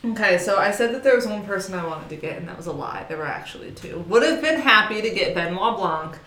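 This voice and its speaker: A woman co-hosting a casual chat show, with wry, deadpan teasing. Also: medium pitch, quick pace. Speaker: podcast co-host. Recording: roomy echo.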